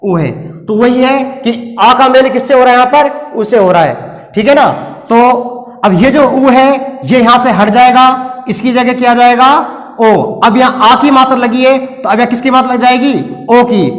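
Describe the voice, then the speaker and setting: A man's voice: very high voice, moderate pace, long reverb tail. A man teaching a recorded lesson, explaining step by step and asking and answering his own questions.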